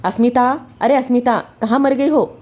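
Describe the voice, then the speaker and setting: A woman voicing an angry, domineering husband who shouts harsh scolding words. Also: medium pitch, a little fast, lightly acted.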